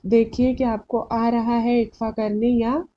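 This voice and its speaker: A woman's voice: a little high, flat delivery, unhurried, highs cut off. Patient woman teaching recitation rules. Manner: patient, repeats and asks questions back to learners; mixes English phrases into Hindi. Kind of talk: slide-based recitation lesson.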